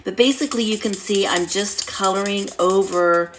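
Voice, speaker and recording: A woman's voice: mid-range voice, moderate pace, a little hiss or hum. A woman with a nasal, congested voice from a head cold, casually talking through a craft demonstration as the instructor. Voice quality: nasal, congested, stuffed-nose sound. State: blocked nose from a head cold.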